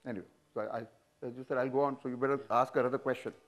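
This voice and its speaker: Speaking at a racing clip in a mid-range voice, this Indian English-accented man in his seventies is a business leader guesting in an on-stage interview. The auditorium recording comes from a lapel mic. He's frank and animated, with chuckles and broad, sweeping gestures.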